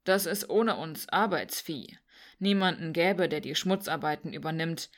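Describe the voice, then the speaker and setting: A woman voicing a cynical young man who grew up in the slums, speaking dryly and calmly. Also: low-pitched, unhurried. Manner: dry, cynical.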